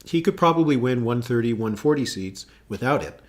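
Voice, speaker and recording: Expressive and fairly quick, a man with a medium-pitched voice analyzes the election on a live stream. The political analyst talks casually, leaning on fillers as he thinks aloud and reacts to his audience.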